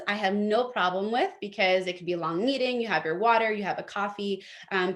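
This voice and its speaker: A young woman presenting an online etiquette workshop from her home office, friendly and practical, with plenty of fillers. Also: mid-range voice.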